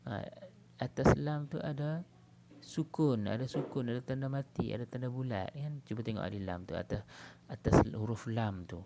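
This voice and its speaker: Gravelly Malaysian man teaching Arabic. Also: medium pitch, heavy background noise. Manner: explains patiently, draws out example words slowly. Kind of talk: online class lesson.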